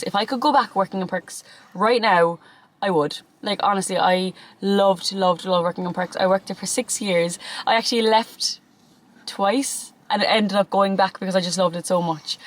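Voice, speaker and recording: A young Irish woman in her twenties chats casually and bubbly, rambling with plenty of fillers. Her voice sits in a middle pitch. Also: rough recording. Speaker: YouTuber. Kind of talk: casual chat.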